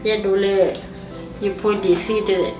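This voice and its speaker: A woman explaining something casually in a halting way, with many fillers and restarts. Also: medium pitch, steady tone. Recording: roomy, distant mic. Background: music.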